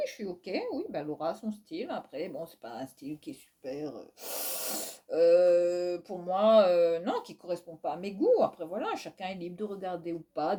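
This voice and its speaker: A woman's voice: medium pitch, a little mellow. A woman with a Réunionese accent, casually answering viewer questions in a vlog, frank and teasing, laughing often as she talks. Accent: Réunionese French.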